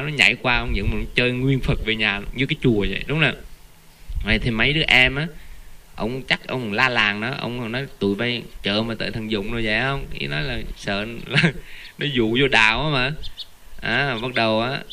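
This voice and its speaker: Bright-voiced man preaching. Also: mid-range voice, normal speed. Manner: animated, earnest storyteller who keeps repeating the Buddha's name. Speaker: Buddhist lay teacher. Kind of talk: informal dharma talk.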